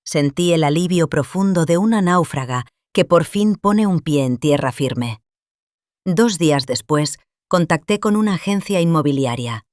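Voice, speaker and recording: An older woman calmly narrating her own story in the first person, measured and scripted. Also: sits low, no echo, clean studio sound.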